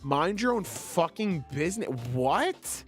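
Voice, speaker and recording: A man's voice: sits high, slow pace, soft background music. A man hosting a stream, casually reading online stories aloud and reacting with frequent exclamations and swearing. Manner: animated, exclaiming, swearing freely. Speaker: vtuber host.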